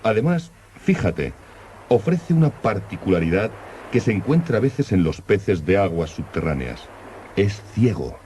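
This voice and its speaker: An actor playing a learned, confident older professor leading an expedition in an old radio drama, explaining things in a precise, theatrical way. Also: male voice, on the low side, sing-song, measured pace, warm tone. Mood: fascinated, didactic. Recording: old radio drama, faint background noise.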